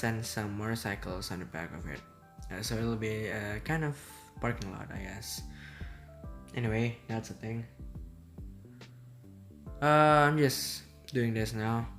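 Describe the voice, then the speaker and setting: An easygoing Indonesian man, whose first language is Indonesian, gives casual gameplay commentary from home. His lowish voice is a bit bright, and he talks in a rambling, hesitant way.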